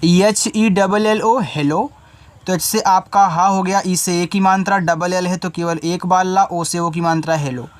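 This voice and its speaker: A man teaching an English spelling lesson, patiently spelling each word out letter by letter and repeating each meaning twice. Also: fairly even intonation. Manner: spells words out letter by letter slowly, then says the word lower and quieter.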